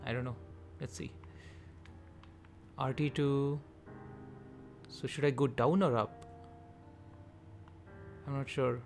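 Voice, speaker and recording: A man's voice: medium pitch, steady tone, creaky, darkish tone, soft background music. Chatty man thinking aloud over gameplay. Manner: quick talker. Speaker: gaming video host. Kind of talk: gameplay commentary.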